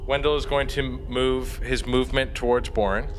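A man's voice: medium pitch, steady tone, moderate pace, a little hiss or hum. A man playing his character in a tabletop game, describing actions with hesitant fillers. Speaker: player. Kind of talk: tabletop role-play.

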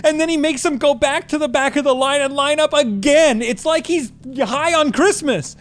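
A man's voice: a little high, big pitch swings, moderate pace. A man playing a flustered, gushing mall worker in a comedy sketch, rambling and dramatic. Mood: panicked.

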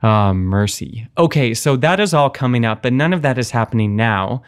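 A man's voice: medium pitch, animated, moderate pace, clear, resonant tone. A man hosting a podcast in a playful, wry, self-interrupting way, mixing a scripted comedic intro with chatty asides. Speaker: podcast host. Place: basement away from usual home setup.

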